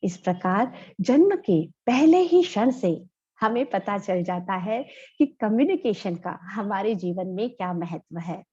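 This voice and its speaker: A woman giving a slow, measured lecture from slides to an online class. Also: mid-range voice, expressive, darkish tone, husky. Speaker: instructor. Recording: dull lo-fi audio.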